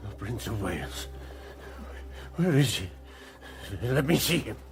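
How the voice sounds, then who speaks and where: A man's voice: mid-range voice, big pitch swings. An actor playing a bitter, dying old king in a theatrical, declamatory Shakespearean radio drama style. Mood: anguished, suspicious. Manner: declamatory, theatrical, drawn-out, swelling from murmurs to shouts. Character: old dying king, ailing, bitter, grieving, raging at his son. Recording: studio radio drama with music behind.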